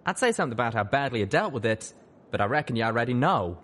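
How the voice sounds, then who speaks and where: A man's voice: mid-range voice, big pitch swings, quick pace, a bit bright, pitched above the performer's own voice. A man voicing a young male pegasus pony, a folksy wisecracking friend who drawls in slang. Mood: wry.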